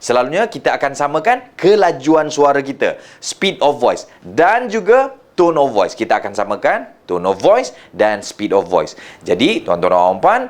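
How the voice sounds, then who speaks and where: A young Malaysian man teaching communication skills, lively and demonstrative, acting out greetings in changed voices. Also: mid-range voice, normal speed, hardly any pauses. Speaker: communication trainer. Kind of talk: talking-head training lesson.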